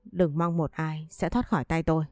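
A woman's voice: low-pitched, steady tone, moderate pace, no echo, studio quality, soft background music. A woman voicing a furious, bitter grieving wife. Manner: bitter, biting out each word.

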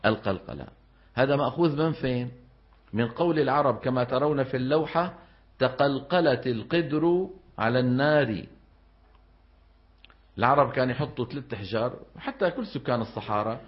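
Male recitation teacher, lecturing a class with frequent questions to students; slightly muffled recording. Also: medium pitch. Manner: explains step by step, keeps asking the class questions. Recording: dull lo-fi recording.

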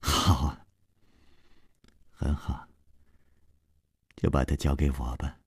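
A man's voice: extremely low pitch, level tone, slow pace, husky, dry recording, studio quality, pitched below the performer's own voice, full character voice. A male storyteller voicing a haughty, vicious palace disciple in a cold, sneering manner. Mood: menacing.

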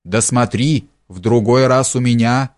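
A man reading an audiobook, voicing a curt, gruff forester who speaks slowly. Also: medium pitch, natural voice.

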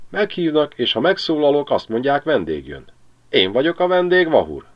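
A man's voice: on the high side, sing-song, voice pushed up. A man voicing a cheeky, boastful, thieving magpie who chatters mockingly. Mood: taunting. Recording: slightly dull lo-fi recording.

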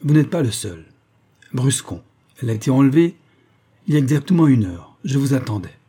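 A man voicing an eccentric, scornful lanky male detective who talks in a brisk, mocking, commanding way. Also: medium pitch, expressive, dark tone, slightly rough, pitched above the performer's own voice.

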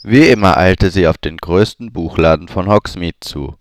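Deep-voiced male audiobook narrator. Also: normal speed, dry recording. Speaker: audiobook reader.

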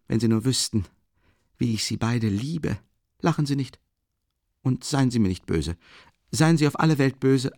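A man reading an audiobook voices a drunk, rapturous young man who babbles in an excitable, gushing rush. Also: medium pitch, creaky, no room sound, clean studio sound, voice pushed up. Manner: excitable, gushing, tumbling speech. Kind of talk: audiobook character voice.

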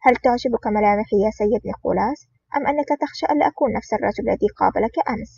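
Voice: mid-range voice, very fast, creaky, slight background noise, close to an everyday voice. A reader voicing a sardonic, cool-headed male agent. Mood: calm mocking. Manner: mocking, calm. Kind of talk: audiobook reading. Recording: dull lo-fi recording.

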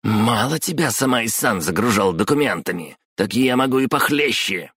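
A man reading a story, voicing a rude, hot-tempered male office boss who talks harshly and shouts. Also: mid-range voice, lively intonation, normal speed, husky, no echo, clean studio sound, pitched above the performer's own voice. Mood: enraged.

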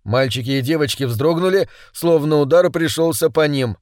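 Мужчина читает страшную историю. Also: male voice, on the high side, moderate pace, a little mellow, dry recording, clean studio sound. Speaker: narrator. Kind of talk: audiobook reading of a scary story.

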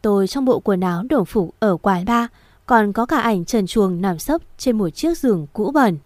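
A woman's voice: medium pitch, expressive, moderate pace, a little mellow, dry recording. A woman narrating a first-person romance story aloud in an emotional, tearful manner.

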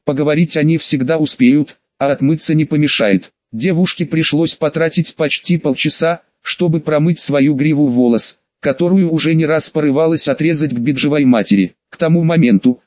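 A man narrating a fan-fiction audiobook with steady storytelling, on a dull lo-fi dry recording. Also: on the high side, no room sound.

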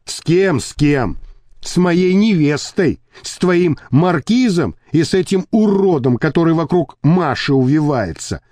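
A man reading an audiobook, voicing a furious, hulking thug who shouts insults. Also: on the high side, expressive, measured pace, no room sound, clean studio sound, pitched above the performer's own voice. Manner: roaring, abusive.

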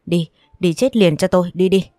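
A fiery young woman in a storybook, scolding her brother in sharp bursts, voiced by a woman narrator. The voice lifts above the narration when she rages, in a dry, close recording. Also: on the low side, moderate pace, no echo, close to an everyday voice. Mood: furious. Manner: angry, scolding. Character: hot-tempered young woman, fiery sister.

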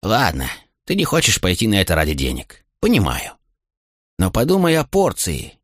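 A cowardly traitor pleads and wheedles in a nervous, pitch-swinging voice, put on by a man narrating. The storybook reading sounds close and dry. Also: huge pitch swings, normal speed, husky, no room sound, full character voice. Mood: wheedling.

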